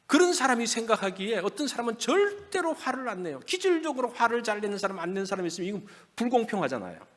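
A man's voice: very high voice, a bit bright. A male pastor preaching a Sunday sermon in a church, conversational and asking his listeners questions. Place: church sanctuary. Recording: long reverb of a church hall.

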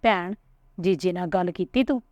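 A woman's voice: lowish voice, darkish tone, no room sound, close to an everyday voice. A woman voicing a scheming middle-aged aunt who presses her point in a hurry. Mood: insistent. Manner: hurried, pressing.

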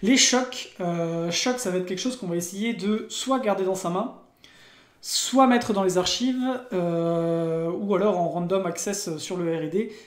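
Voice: mid-range voice, a little slow. Hesitant French-accented card game commentator. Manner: hesitant, many fillers and restarts. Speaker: card game player commentating own match. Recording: roomy, echoing room.

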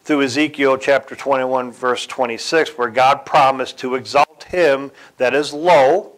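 A man giving a sermon in a deliberate way, pausing, correcting himself and chuckling now and then. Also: medium pitch, fairly even intonation, low-quality recording. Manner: slow, deliberate delivery with occasional chuckles and self-corrections. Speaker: church speaker.

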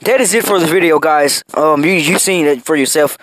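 A man giving casual commentary over his own video game match, excitable and quick to yell in frustration, saying "bro" constantly. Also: a little high.

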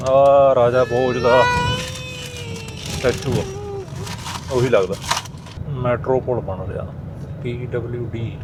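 A man's voice: mid-range voice, fairly even intonation, takes it slowly, long pauses. A man giving casual running commentary as a travel vlogger out on the road. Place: outdoors and on the road. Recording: clear outdoor traffic noise.

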